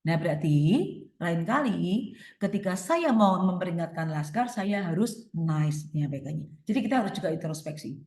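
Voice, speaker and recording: A woman's voice: lowish voice, animated, normal speed, darkish tone. A woman answering audience questions in a workshop talk, explaining her points with everyday examples and rhetorical questions. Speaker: workshop speaker. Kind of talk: webinar Q&A advice talk. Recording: echoey room sound.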